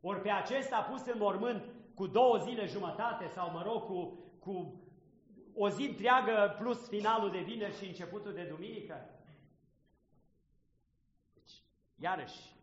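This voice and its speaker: High-voiced preacher in an echoing church. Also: male voice, long pauses, dull audio. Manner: reflective, thinking aloud with rhetorical questions. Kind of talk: sermon commenting on scripture.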